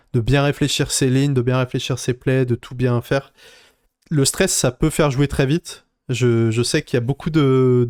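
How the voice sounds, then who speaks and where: A man chatting casually on a live stream, recapping his tournament run in a rambling, animated way and answering viewer chat. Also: medium pitch, clean tone, no echo, studio quality. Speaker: card game player recapping a tournament.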